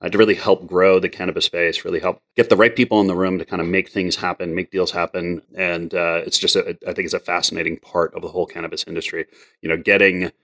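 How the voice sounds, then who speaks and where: A man's voice: sits low, flat delivery, fast talker, a bit bright. A man hosting an interview podcast, rambling and full of fillers as he introduces his guest and asks questions. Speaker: podcast host. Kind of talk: interview conversation.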